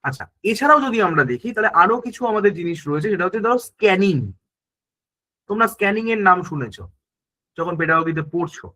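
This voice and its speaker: Bright high-voiced man teaching. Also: animated, quick pace, rough recording. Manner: explains step by step, asking and answering his own questions; often checks in with students. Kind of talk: online exam-prep class lecture.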